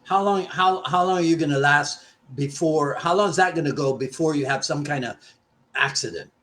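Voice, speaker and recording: At normal speed, a man with a high-leaning, fairly bright voice joins a casual discussion. A martial arts instructor from Trinidad who was raised in Barbados, he talks thoughtfully, often restarting sentences and leaning on key points.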